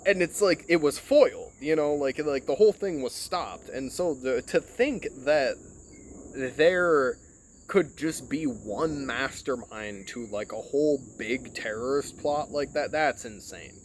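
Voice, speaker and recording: With a medium-pitched voice and a slightly slow pace, a podcast host from Michigan records a rambling, casual monologue on his phone, cursing frequently and leaning on "like" and "you know." A little hiss or hum runs through the audio.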